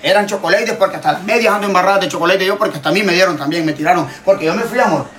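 Heated high-voiced Honduran man. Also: very fast, crowd noise. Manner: emphatic, repetitive, swears freely. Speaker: TikTok creator. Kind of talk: heated casual rant.

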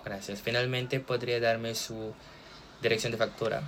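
A man's voice: mid-range voice, flat delivery, moderate pace, a bit bright, a little hiss or hum, rough recording. A man acting as a bank customer service agent on a call, speaking politely and formally with frequent thanks. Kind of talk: role-played phone support call.

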